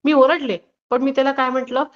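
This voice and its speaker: Woman guest telling stories, thoughtful, lots of little pauses, kinda high voice, muffled sound. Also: flat delivery. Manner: reflective, anecdotal, with many hesitations. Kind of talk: personal storytelling in conversation.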